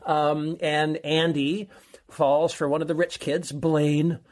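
A man's voice: a little high, level tone, takes it slowly, darkish tone. A man co-hosting a casual chat, jokey and chatty, laughing often. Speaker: co-host.

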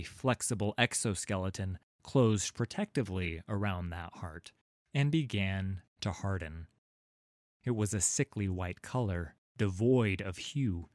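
A man narrating a fantasy audiobook in a measured, dramatic storytelling manner. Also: fairly low pitch, no room sound, clean studio sound.

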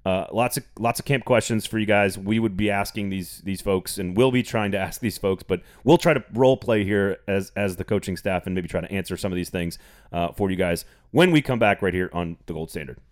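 A man's voice: deep voice, brisk. A man hosting a sports podcast, talking casually and rambling with frequent restarts. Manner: rambling, repeats words, laughs often. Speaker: podcast host.

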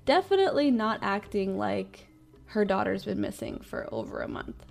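Young woman podcast host rambling thru a true crime case, lots of "like", vocal fry, laughs in disbelief. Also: medium pitch, very animated, normal speed, soft background music. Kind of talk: casual true-crime storytelling.

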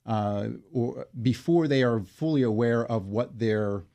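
A man being interviewed as a guest, explaining his work in a measured way with frequent fillers and restarts. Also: mid-range voice, dark tone. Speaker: interview guest, financial wellness company leader. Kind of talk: conversational interview.

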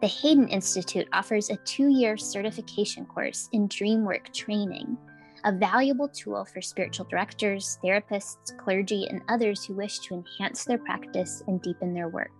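Female podcast cohost reading a script, mid pitch, bit of music behind. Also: moderate pace. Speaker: podcast co-host. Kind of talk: scripted sponsor read and introduction.

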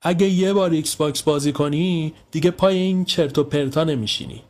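A man's voice: on the high side, pitched above the performer's own voice, close to an everyday voice. A man voicing a bossy, rude boy who acts as the leader of the group and barks orders with scorn. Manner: loud, scornful, bossing others.

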